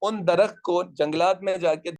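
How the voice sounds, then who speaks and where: A man's voice: sits high, steady tone, moderate pace, darkish tone. A man teaching an economics class, lecturing and quizzing students and teasing latecomers.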